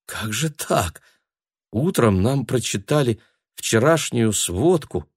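A man voicing a bewildered young woman who speaks softly and haltingly, in an audiobook. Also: medium pitch, lively intonation, slightly rough, dry recording, clean studio sound. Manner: soft, halting.

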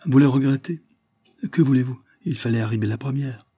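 A man's voice: medium pitch, fairly quick, mellow, slightly rough, no room sound, studio quality, voice pushed up, natural voice. A man reading the lines of a cornered young woman who answers with brittle mockery. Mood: mocking.

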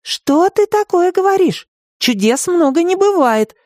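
A man's voice: extremely high pitch, big pitch swings, dry recording, studio quality, voice pushed up. A man doing a bossy, feisty young girl. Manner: sharp, bossy, quick-tempered.

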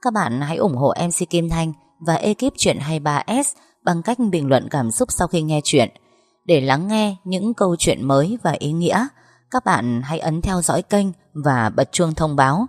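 A woman narrating a story as a channel host, in a calm, measured manner. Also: deep voice, faint music behind. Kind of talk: scripted narration.

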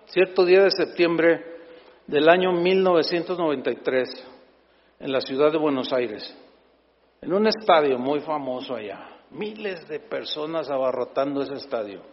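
A Mexican pastor preaches in a high-pitched voice, emphatic and playful, often turning to address his listeners directly. His voice sounds dull and echoes with a long tail around a church hall. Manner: emphatic, humorous preaching that keeps addressing the congregation. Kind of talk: sermon.

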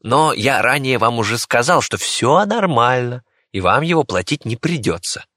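A man's voice: mid-range voice, lively intonation, moderate pace, sharp tone, no echo, studio quality, pitched above the performer's own voice. A man voicing a fussy, talkative rabbit-faced village doctor in an audiobook, speaking in a chatty, slightly ingratiating way. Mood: explaining. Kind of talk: audiobook character voice.

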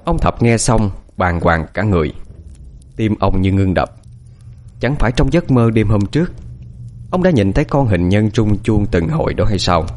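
A man narrating a ghost-story audiobook with expressive, dramatic delivery. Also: lowish voice, moderate pace, slight background noise.

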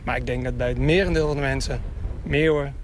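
A man's voice: mid-range voice, fairly even intonation, fairly quick. A man chatting casually and enthusiastically outdoors for radio, explaining bird calls. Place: outdoors, near water in a town. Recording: outdoor field recording with background noise. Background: gulls calling.

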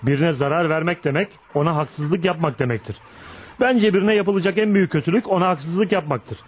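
In Turkish radio theater, an actor plays a feared, ugly but kind-hearted tough man, earnest and friendly, blunt, probing, and folksy, peppering his lines with "ha?". His voice is on the high side, brisk, and slightly rough.

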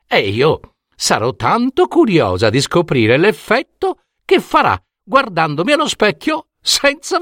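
A man voicing a cunning, mocking noblewoman thief in a storybook reading, in a high taunting put-on voice. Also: fairly bright tone, no echo, clean studio sound, heavily acted.

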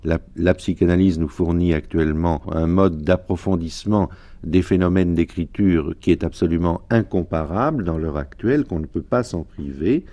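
A man speaking as a literary critic on the radio, thoughtful and halting with many fillers. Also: low voice, warm tone. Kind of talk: radio interview.

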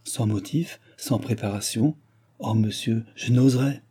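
A man's voice: lowish voice, measured pace, mellow, a little hiss or hum, natural voice. A man voicing a fluttering old countess. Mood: flustered. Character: old female countess, anxious, fawning. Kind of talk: audiobook reading.

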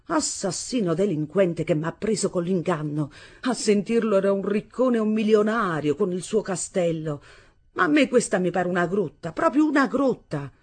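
A woman putting on a superstitious middle-aged mother, lamenting and scolding in a raised, sing-song voice. Her tone is husky and pitched above the reader's own. She sounds like a character in a storybook reading. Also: animated, normal speed, warm tone. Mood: scornful. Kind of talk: audiobook reading.

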